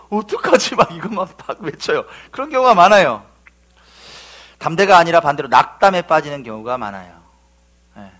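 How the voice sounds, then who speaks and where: A male pastor preaching a sermon, telling stories lively and asking then answering his own questions. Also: on the high side.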